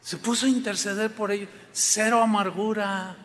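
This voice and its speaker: A man's voice: sits high, steady tone, normal speed, fairly bright tone. A man preaching a sermon to his congregation, emphatic and often asking them questions. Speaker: pastor. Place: church sanctuary. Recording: long reverb of a large hall.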